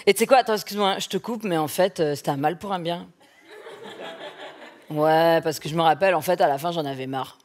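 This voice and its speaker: A woman's voice: on the low side, brisk, darkish tone, lightly acted. A woman on a stand-up stage playing a self-absorbed Parisian friend who talks in a chatty, condescending way. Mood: self-pitying. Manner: condescending, chatty, interrupts herself.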